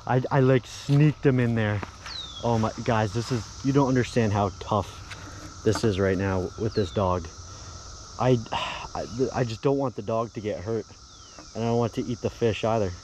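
A young man vlogging while pond fishing, excitedly talking to his viewers. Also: on the low side, normal speed, noisy background. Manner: excited, exclamatory, talks to viewers. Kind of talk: casual outdoor fishing vlog. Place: outdoors by a pond.

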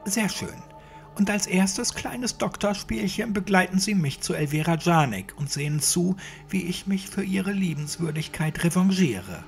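A woman's voice: lowish voice, lively intonation, a little slow, creaky, soft background music, voice pushed up. A man voicing a cold, cynical young woman with an icy, mocking voice in a German horror audio drama. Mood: menacing.

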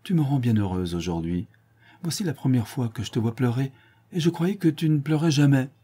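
A man's voice: medium pitch, lively intonation, brisk, mellow, husky, pitched above the performer's own voice. A man voicing a tender, teasing young countess in a storybook, speaking in a raised voice.

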